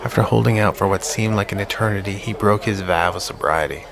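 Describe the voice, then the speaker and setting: Low gravelly male audiobook narrator. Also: brisk, crowd noise, background noise. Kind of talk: scripted horror audiobook narration.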